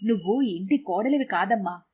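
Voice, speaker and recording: A woman storyteller voicing a regretful older father-in-law who speaks quietly. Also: mid-range voice, expressive, normal speed, a little hiss or hum, lightly acted.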